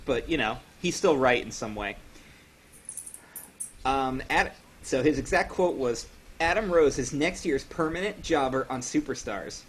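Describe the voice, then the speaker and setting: A man's voice: medium pitch, lively intonation, unhurried, a little hiss or hum. A man co-hosting a casual podcast chat, sarcastic and opinionated. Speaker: podcast co-host.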